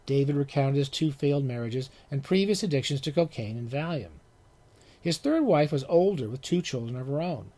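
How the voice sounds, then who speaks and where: Male author reading literary fiction; lively intonation, measured pace. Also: mid-range voice. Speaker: author reading his own story.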